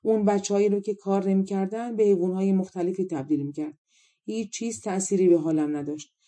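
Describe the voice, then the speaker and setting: A woman narrating a fairy tale audiobook, reading calmly and voicing each character in turn. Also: mid-range voice. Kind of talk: storybook narration.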